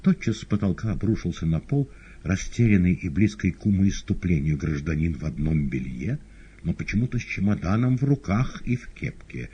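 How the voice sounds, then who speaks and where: Deep raspy guy reading an audiobook, lots of swing, dull lo-fi sound. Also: moderate pace. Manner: expressive, theatrical. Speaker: audiobook narrator.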